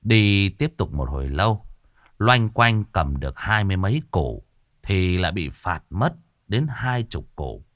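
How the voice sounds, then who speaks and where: A man narrating a ghost story in an animated way, voicing several characters. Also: deep voice, measured pace, dry recording, studio quality.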